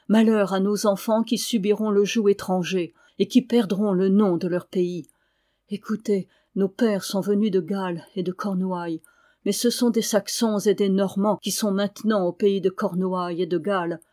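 A woman's voice: mid-range voice, fairly even intonation, normal speed, mellow, close to an everyday voice. A woman reading the part of a dying old Breton lord who declaims a rousing prophecy in an audiobook. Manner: impassioned, rising declamation.

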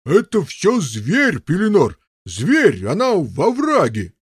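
A man's voice: mid-range voice, expressive, moderate pace, a little mellow, dry recording, studio quality, natural voice. A man voicing a stolid, fussy knight who talks ponderously and fumbles for words. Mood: agitated. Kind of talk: audiobook character voice.

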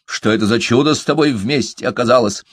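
A man's voice: medium pitch, a little fast, husky, no echo, studio quality, natural voice. A man voicing a small young male hobbit who talks bluntly and impatiently.

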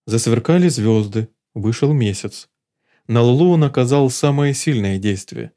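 A man reading a novel aloud as an audiobook narrator, telling the story in a steady, measured way. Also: medium pitch.

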